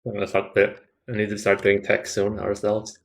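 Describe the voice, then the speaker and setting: A man chatting casually while building in a game, calmly thinking through plans. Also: lowish voice, normal speed, gravelly. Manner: thoughtful, plans things out calmly. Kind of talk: casual gaming chat.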